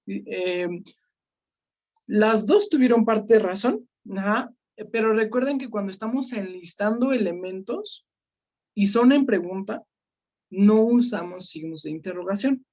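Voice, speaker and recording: A woman teaching an online class, calling on students by name and filling pauses with "este" and "eh". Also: mid-range voice, dark tone. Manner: questioning students by name, many fillers. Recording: slightly dull lo-fi sound.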